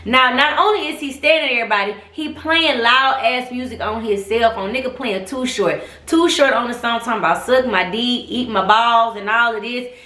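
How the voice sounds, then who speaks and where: A young woman tells a story in an animated, sassy and foul-mouthed way. Her voice is bright and forceful, and the room adds a roomy echo. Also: fairly high pitch, normal speed, hardly any pauses. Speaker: host. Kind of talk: casual storytelling monologue.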